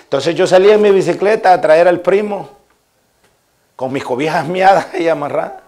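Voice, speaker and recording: Salvadoran pastor guy preaching, folksy stories then hammering the point, kinda high voice. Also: moderate pace, darkish tone. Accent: Salvadoran Spanish. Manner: folksy anecdotes addressed to listeners, rising to emphatic preaching. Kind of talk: sermon with personal storytelling.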